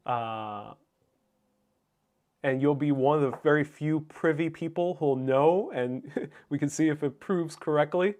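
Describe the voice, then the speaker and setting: Speaking a bit slowly in a slightly high voice with a darkish tone, a man who grew up speaking Spanish hosts a livestream. He goes through viewer comments and replies in an easygoing, reflective, somewhat halting manner.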